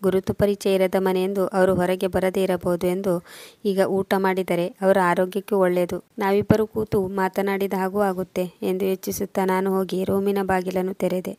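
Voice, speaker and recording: A woman narrating a first-person family story in a steady, measured reading voice. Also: medium pitch, dry recording.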